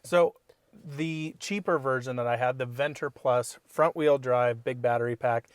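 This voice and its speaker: A man in a casual car review, calmly giving measured opinions from inside a parked car. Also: medium pitch, smooth, no room sound. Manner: easygoing, agreeable, measured opinions. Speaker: co-host reviewing cars.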